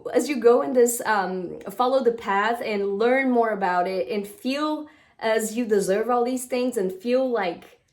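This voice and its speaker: A woman with a Brazilian accent, a Portuguese speaker, talks casually to camera as a manifestation coach. Her voice is a little high and a little mellow, and she speaks unhurriedly, peppering her chat with "like" and "um."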